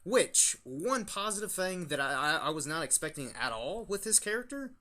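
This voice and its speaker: Man, young adult, casual review talk, lots of ums, bright forward tone. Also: sits high, very animated, normal speed. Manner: rambling, many fillers and restarts. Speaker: YouTube channel host.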